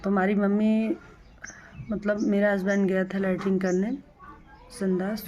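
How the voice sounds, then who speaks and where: A woman's voice: medium pitch, level tone, unhurried, dark tone, dull audio, a little hiss or hum. A young adult woman talks straight to her viewers in a casual vlog. She retells events plainly, repeating herself and restarting her sentences often. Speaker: vlogger.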